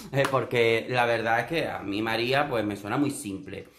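Male YouTuber, chatty gossip commentary, campy and exclamatory, mid-pitched voice, roomy echo on the recording. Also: normal speed, a bit bright, slight background noise. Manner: gossipy, exclamatory, campy, mimics people with a raised voice.

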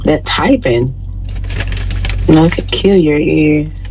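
A woman's voice: deep voice, takes it slowly, darkish tone, a little hiss or hum, poor audio. A woman chiming in with playful, teasing asides during a casual car vlog. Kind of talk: casual banter.

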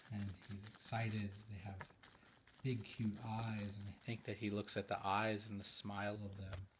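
A man casually narrating a home video of a baby in simple, halting phrases, recorded on a phone. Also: lowish voice. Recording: noisy phone video with clicks.

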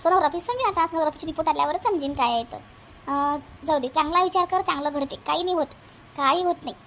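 A woman voicing a calm, reassuring village neighbor woman who repeats herself firmly. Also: sits high, fast, slight background noise. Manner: reassuring, firm, repetitive.

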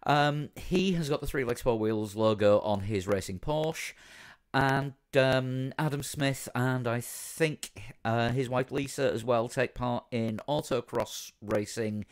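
A man co-hosting a podcast, chatting casually with relaxed, joking banter. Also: medium pitch. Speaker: podcast co-host. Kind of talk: casual chat.

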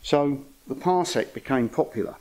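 A man's voice: mid-range voice, expressive, moderate pace, a little mellow, rough recording. An older man giving an informal lecture to an astronomy club, with dry, wry humour and chatty asides. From England.

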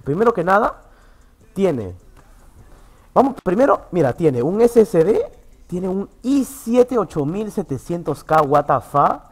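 A man with a Peruvian Spanish accent streaming from an internet café booth, chatting casually with his viewers. He is excitable, swears freely, and swings between loud outbursts and low muttering. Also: measured pace. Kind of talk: casual livestream chat.

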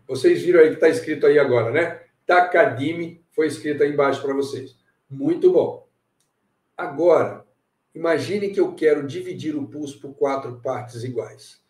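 Guy teaching a music lesson, kinda high voice, lots of echo, mic a bit far off. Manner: animated, repeats phrases and checks in with students. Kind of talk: live online music lesson.

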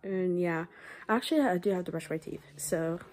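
A woman's voice: lowish voice, normal speed, darkish tone. A teenage girl in a casual vlog, rambling nervously with lots of fillers and a slight lisp from her retainer, talking into a laptop mic at home. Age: teens. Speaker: vlogger. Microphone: laptop built-in mic.

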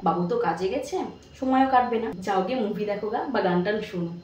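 A woman playing a kind, fussy mother-in-law who coaxes her new daughter-in-law along in a comedy sketch, talking fast. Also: mid-range voice, lightly acted. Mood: gentle. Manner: fussy, coaxing, talks fast. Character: doting kind mother-in-law, middle-aged, fussing over her son's wife. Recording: echoey room with faint noise.

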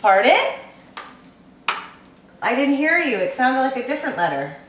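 Her voice sits high, very animated and fairly bright, though she speaks a little slowly. She's a mother cheering her toddler on through letters in a sing-song tone, captured indoors on a camcorder's built-in microphone with echo and a faint hiss.

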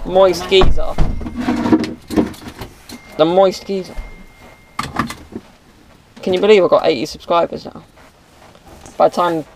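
Young man chatting offhand in a noisy car. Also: a little high. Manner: rambling, offhand, joking. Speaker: vlogger. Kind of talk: casual vlog chat. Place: inside a car at night. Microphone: handheld action camera at chest level.

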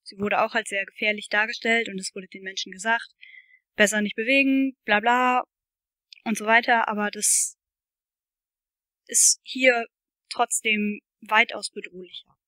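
A woman's voice: mid-range voice, steady tone, a little slow, pauses often, bright, forceful tone, dry recording. A woman reading a novel aloud for her channel, with casual, chatty commentary and fillers.

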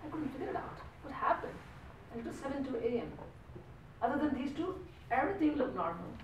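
A man with an Indian accent tells a tall tale as a live speech, theatrically, with acted-out dialogue and dramatic pauses. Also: extremely high pitch, sing-song. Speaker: speech contest speaker. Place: small meeting room with a whiteboard. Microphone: distant camera microphone. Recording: echoey room, distant mic, faint noise.

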